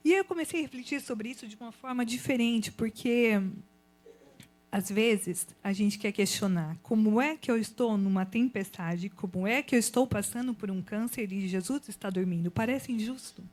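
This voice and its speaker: A woman shares a heartfelt testimony before a church gathering. Her voice sits a little high, and she tells her story with animated, expressive energy. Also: moderate pace. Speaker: guest giving testimony. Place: church event.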